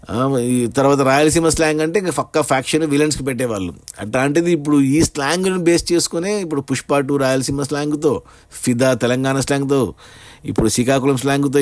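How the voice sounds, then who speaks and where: A man's voice: mid-range voice, no echo. A man giving a casual, rambling spoken film review, with frequent fillers and restarts.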